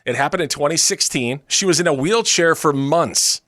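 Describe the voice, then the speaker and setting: A man co-hosting a talk show, telling stories in a casual, animated and playful way. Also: on the high side, normal speed, a loud crowd. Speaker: radio show co-host. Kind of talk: casual chat.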